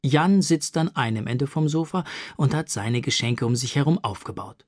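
A narrator reading a children's story aloud in a calm, measured way. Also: medium pitch, dry recording, studio quality.

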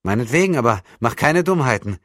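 A man's voice: medium pitch, animated, brisk, a bit bright, dry recording, clean studio sound, voice pushed up. A man voicing a cheeky, wary young male traveller who is almost still a boy, speaking in a teasing, guarded way.

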